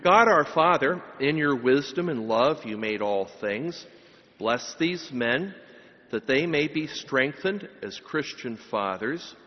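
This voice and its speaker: A middle-aged man, a pastor, preaching a sermon and giving a blessing at a pulpit microphone, with emphatic, rising phrases. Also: medium pitch. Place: large church. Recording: long church reverb, dull sound.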